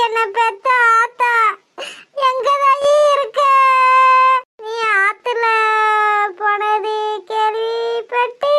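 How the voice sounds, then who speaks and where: A woman voicing a loud, scolding old village grandmother with a southern Tamil village dialect, in a cartoon. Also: extremely high pitch, dry recording, studio quality. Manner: wails and scolds in turns.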